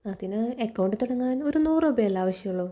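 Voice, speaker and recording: A woman reading the lines of a young servant woman who answers back calmly and firmly. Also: mid-range voice, natural voice. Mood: defiant. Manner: firm, measured.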